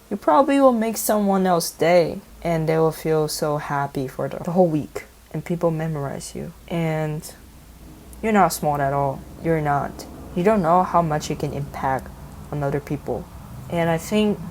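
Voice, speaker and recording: Low-voiced earnest young woman from Taiwan. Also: a little mellow. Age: 20s. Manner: earnest, musing, sometimes swearing. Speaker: vlogger. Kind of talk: reflective personal monologue.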